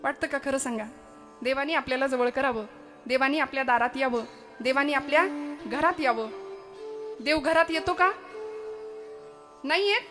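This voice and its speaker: Woman preacher, devotional sermon: high, bright, expressive storytelling with sung verses. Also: normal speed, pauses often, soft background music. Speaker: kirtan preacher.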